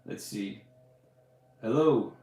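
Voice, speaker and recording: A man's voice: mid-range voice, very slow, warm tone. A man hosting a casual live podcast, chatting loosely with lots of fillers and restarts. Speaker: podcast host answering live questions. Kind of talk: casual livestream chat. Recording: roomy echo.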